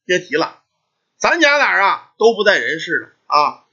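Brief: grieving ghost son, put on by a male storyteller, lower and heavy, husky, dull lo-fi sound. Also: sing-song, moderate pace, bright, forceful tone, heavily acted. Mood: sorrowful. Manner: lowered, heavy, sorrowful delivery. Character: devoted young man's ghost, once mute, sorrowful. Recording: dull lo-fi recording.

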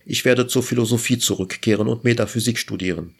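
A man voicing a lovesick young student in a storybook reading, with emphatic, excited exclamations. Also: mid-range voice, quick pace, gravelly, slightly rough. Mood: disillusioned.

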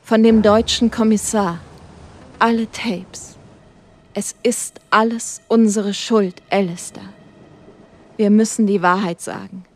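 A woman voicing a frail old man who pleads and preaches slowly and loudly in a storybook drama. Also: mid-range voice, fairly even intonation, natural voice. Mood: pleading.

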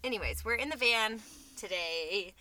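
A young woman co-hosting a podcast from inside a parked minivan, talking in a chatty, giggly way with quick asides. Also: medium pitch, pushed and bright. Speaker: podcast co-host. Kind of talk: casual chat.

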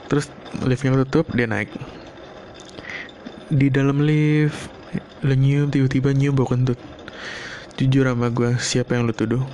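A man rambles through a casual solo monologue, loose and sprinkled with swearing. His voice is mellow and sits at a middle pitch. A faint noise hums behind him in a home room. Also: level tone, a little slow, pauses often. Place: home room, not a studio.

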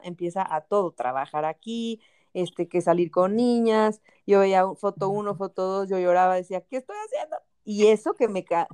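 A woman's voice: lowish voice, mellow, clear, resonant tone. A young woman with a Mexican accent casually telling a personal story, full of fillers and English words. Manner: chatty, fillers like o sea and este, English words mixed in.

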